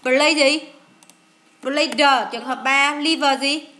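Bright high-voiced Vietnamese woman teacher. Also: moderate pace, a little hiss or hum. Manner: lively, coaxing, asks questions and answers them herself. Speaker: English teacher. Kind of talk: classroom-style lesson explaining an exam.

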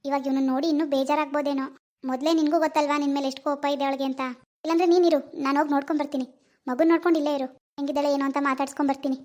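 A performer voicing a caring, cautious middle-aged mother-in-law in an animated family drama. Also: high-pitched, very fast, lightly acted. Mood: concerned. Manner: firm but caring, worrying.

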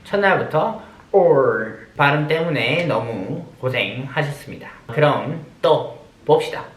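A man's voice: medium pitch, lively intonation, takes it slowly, echoey room. A man teaching an online pronunciation lesson, drilling sounds one syllable at a time and cueing the listener to repeat.

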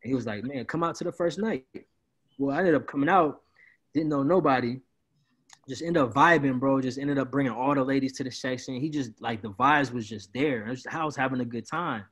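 Speaking fairly quickly in a husky, slightly bright voice of medium pitch, this Peoria, Illinois party promoter in his twenties rambles through a relaxed video-call interview. He's indoors in a small home room and drops "bro" again and again.

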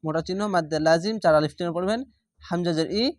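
Man for a recitation lesson, patient spelling of each syllable, then the drawn-out word, in a dry, close sound. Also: a little high, no room sound. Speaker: Quran reading teacher.

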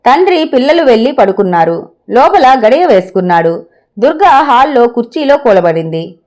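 Lively woman storyteller. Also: on the high side, normal speed. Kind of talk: scripted story narration.

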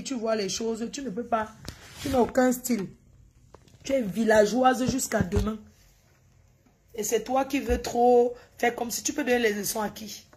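A woman mocks someone in a video and talks straight at her in a scolding, teasing way. Her voice is fairly high and husky. She speaks as a gossip channel host giving running commentary. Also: a little mellow. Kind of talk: mocking commentary over a video.

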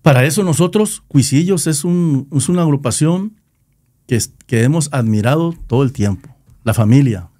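A middle-aged man with a Nayarit Mexican Spanish accent recalls how he founded his band, talking in a loose, slangy way. He repeats and restarts words as he goes. His voice is mellow and warm, and the recording is dry and close. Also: a little high, normal speed, no room sound. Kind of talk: casual storytelling interview.

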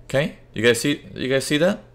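A man's voice: medium pitch, expressive, brisk, gravelly. A man presenting a live trading webinar, explaining charts conversationally and often checking in with his audience. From Indian parents, raised in several countries. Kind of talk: live webinar teaching with chat questions.

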